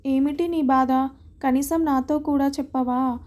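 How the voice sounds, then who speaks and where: A woman's voice: high-pitched, steady tone, a little slow, mellow. A woman voicing a caring, outspoken middle-aged woman who teases and scolds her friend. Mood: scolding. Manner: teasing, then scolding.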